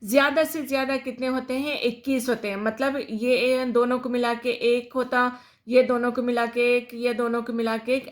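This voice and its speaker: A woman schoolteacher, explaining poetry in a classroom lesson, asking questions and then answering them herself, with some English words mixed in. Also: on the high side. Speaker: school Urdu teacher.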